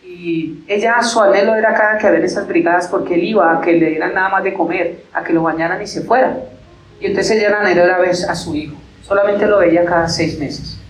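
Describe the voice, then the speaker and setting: A man's voice: high-pitched, fairly even intonation, fairly quick. A male pastor tells a story in his sermon and then leads an earnest closing prayer in a church. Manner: conversational, recounting and then praying earnestly. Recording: roomy church echo.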